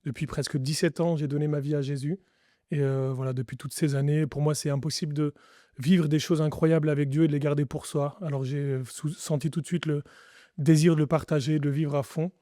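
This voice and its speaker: A French man, a pastor, speaks in an earnest and reflective way, often restarting his sentences. His voice sits fairly high but sounds dark and mellow. The recording is dry and close, with no room sound. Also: flat delivery, brisk, no echo. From France. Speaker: pastor, podcast guest. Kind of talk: testimony interview.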